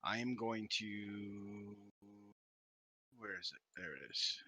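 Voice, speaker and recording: A man's voice: fairly low pitch, slow pace, sharp tone, no echo, low-quality recording. A man playing an online tabletop game, thinking aloud hesitantly as he plans his character's move. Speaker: player. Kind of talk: casual chat at the game table.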